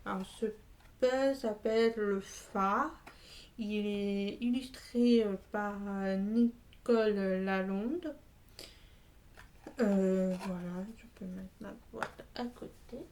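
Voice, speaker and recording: A woman's voice: medium pitch, slow pace, a little mellow, poor audio. A woman talking through her finished puzzles in a casual vlog, hesitant, with many filler sounds and restarts. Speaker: puzzle vlogger.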